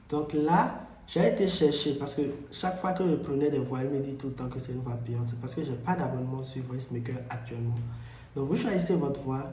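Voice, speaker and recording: Mellow-voiced man explaining in an echoey room. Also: medium pitch, slight background noise. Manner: explanatory, with frequent hesitations and repeats. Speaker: tutorial host. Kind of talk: screen-recorded software tutorial.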